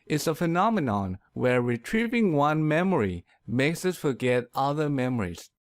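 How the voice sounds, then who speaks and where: A man giving a scripted pronunciation lesson, explaining clearly and demonstrating words with exaggerated stress. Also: a little high, sing-song, moderate pace, no room sound, clean studio sound. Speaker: pronunciation teacher. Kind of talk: scripted instructional narration.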